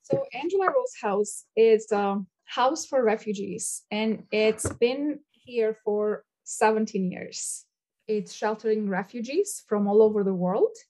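Higher-voiced woman with an Albanian accent. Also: expressive, a little slow, mellow. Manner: non-native English phrasing. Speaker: coordinator of a refugee shelter. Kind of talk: earnest interview talk.

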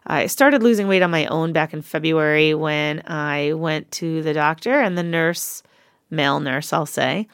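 Woman, 40s, podcast co-host; frank, casual, lowish voice, dry close recording. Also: unhurried, smooth, no room sound. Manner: candid, frank, with frequent ums. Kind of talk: casual chat.

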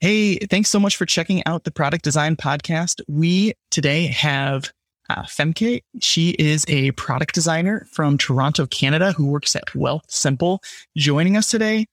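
A man hosts a podcast interview, leading with friendly, relaxed questions. His voice sits a little high for a man, and the sound is close and dry. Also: moderate pace, dry recording. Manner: friendly, scripted intro then relaxed questions. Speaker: podcast host.

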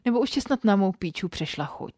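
A woman's voice: mid-range voice, lively intonation, darkish tone, no echo, clean studio sound. A woman voicing a bold, playful woman who talks in a brash, mocking way. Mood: teasing.

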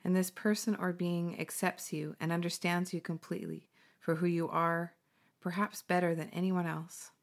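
A woman hosting a guided meditation, speaking slowly and soothingly with gentle pauses. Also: fairly low pitch, fairly even intonation.

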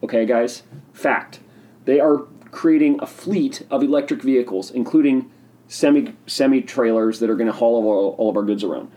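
A man hosting a casual solo podcast, talking in an excitable, rambling, opinionated way while sipping a drink. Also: medium pitch, normal speed. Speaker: podcast host.

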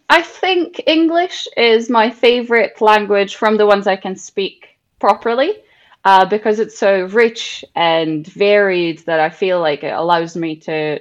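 A young Czech woman, an English teacher appearing as a guest, answers interview questions thoughtfully in English, often saying um and making small restarts. Her first language is Czech, and her accent carries a slight Scottish lilt. Her voice is lowish and the sound is lo-fi.

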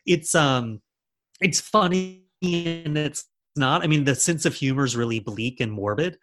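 A man's voice: a little high, unhurried, a bit bright, faint music behind. A man talking as an author and screenwriter in a casual interview, rambling with lots of fillers and restarts.

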